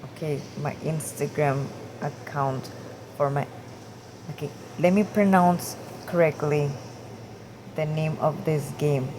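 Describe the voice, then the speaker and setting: A woman with a low voice talks slowly to her viewers. She hesitates often and restarts her sentences. A steady hum of air conditioning sits clearly behind her. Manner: hesitant, halting, many fillers and restarts. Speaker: gaming vlogger. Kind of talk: casual talk to camera.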